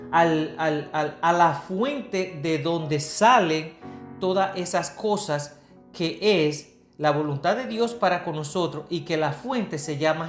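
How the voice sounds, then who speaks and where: A woman from the Republic, giving an earnest Bible teaching sermon and answering her own rhetorical questions. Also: low-pitched. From Dominican Republic. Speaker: preacher. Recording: echoey room with soft guitar music. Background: faint guitar music.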